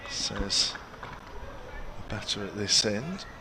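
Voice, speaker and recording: A man commentates live on cricket in a fairly low voice. He is chatty, calling play and scores in short phrases. Outdoor ambient noise is clearly audible behind him. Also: expressive, takes it slowly. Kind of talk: live cricket commentary, conversational with match updates.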